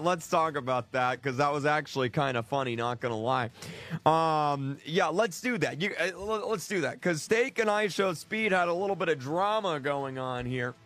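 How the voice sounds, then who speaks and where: A man's voice: fairly high pitch, fairly bright tone. A man hosting a gaming stream, chatting casually and rambling to his viewers with lots of restarts. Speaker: gaming channel host.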